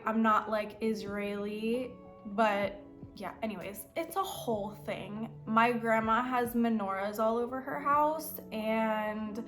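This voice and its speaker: A woman's voice: a little high, fairly bright tone. A young American woman, a worship pastor and singer, answering questions in a casual vlog with a rambling, chatty manner full of "like" and "um.". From United States.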